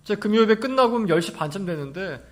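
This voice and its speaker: Lively high-voiced Korean pastor preaching. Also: male voice, brisk. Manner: lively preaching, acts out short quoted lines, rises to emphatic shouts. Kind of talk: sermon. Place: church sanctuary.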